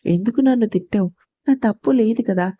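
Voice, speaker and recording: A woman's voice: on the high side, brisk, mellow, no echo, close to an everyday voice. A woman voicing a stern young husband who talks bossily and teases his wife in a storybook reading. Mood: gruff.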